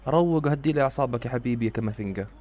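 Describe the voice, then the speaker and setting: Fast-talking excitable man. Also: mid-range voice. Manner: excitable, swings from muttering to shouting at players. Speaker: football reaction streamer. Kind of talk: live match reaction commentary.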